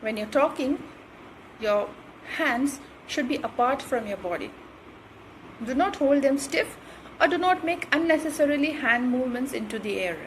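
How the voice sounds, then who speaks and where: A woman teaches communication skills in a high, clear register. She hammers home each point and keeps checking in with her listeners. A faint hum of ambience sits behind her voice. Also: lively intonation, moderate pace, low-quality recording. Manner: didactic, repeats points with "right?" and "okay". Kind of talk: instructional talk to camera.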